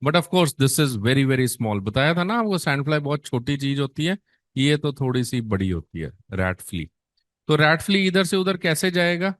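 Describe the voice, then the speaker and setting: Very animated and speaking at normal speed, a middle-aged nursing exam tutor with a slightly high, fairly bright voice quizzes his students in Hindi mixed with English. He coaxes them, calls them beta, and supplies the answers himself. The audio is dry and studio quality.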